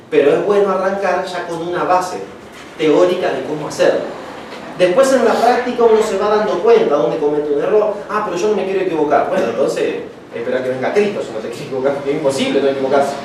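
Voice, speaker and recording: High-voiced guy lecturing preachers, jokey and chatty, mic far off in a very echoey room. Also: a little mellow, slight background noise. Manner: chatty, joking, acts out anecdotes. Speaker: homiletics teacher. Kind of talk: casual classroom lecture.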